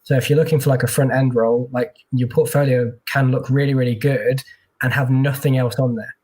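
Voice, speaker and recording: A man's voice: medium pitch, fairly even intonation, brisk, darkish tone, husky. A man working as a tech recruiter, chatting casually in an interview with lots of fillers and restarts, heard over a video call.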